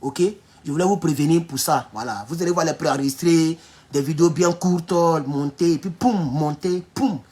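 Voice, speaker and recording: A man with an Ivorian French accent talking casually on a livestream, reading viewer comments with mocking asides and laughter, dropping to low mutters and then flaring up loudly. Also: moderate pace. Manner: animated, laughs often, mocking asides, swings from low mutters to loud outbursts. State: sore back. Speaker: online political commentator.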